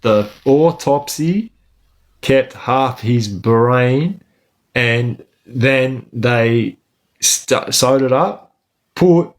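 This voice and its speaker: Australian man talking in eshay street slang. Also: mid-range voice. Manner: Aussie eshay street slang, says lad and bro often. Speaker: livestream host. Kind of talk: casual livestream storytelling.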